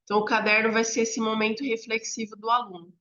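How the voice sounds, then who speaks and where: A Brazilian woman training teachers, explaining classroom methods step by step in a conversational way, often checking in with a quick "né?". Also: on the high side, level tone, bright, forceful tone. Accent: Brazilian Portuguese. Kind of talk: instructional talk to teachers. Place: home room near a street. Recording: slightly dull lo-fi audio.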